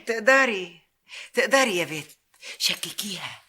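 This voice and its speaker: A woman's voice: medium pitch, expressive, a little slow, pushed and bright, slightly rough, heavily acted. An actress with an Egyptian Arabic accent playing a scheming folk-magic woman who talks in a theatrical, cajoling way in a TV drama. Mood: cajoling, sly. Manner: theatrical, cajoling, invokes spirits. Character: scheming folk-magic woman, middle-aged female fixer. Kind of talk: TV drama acting.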